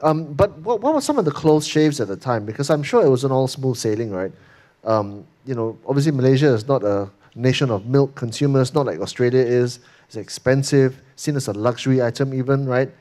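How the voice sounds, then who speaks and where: A man's voice: medium pitch, a little fast, dark tone. A man interviewing a guest on a hall stage with a handheld mic, prompting with questions that end in "right?". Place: hall stage, seated in armchair.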